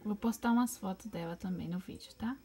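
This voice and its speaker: A woman with a Brazilian Portuguese accent chatting casually in a home video, pointing things out and slipping into high baby talk for her pet bird. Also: brisk, a crowd in the background.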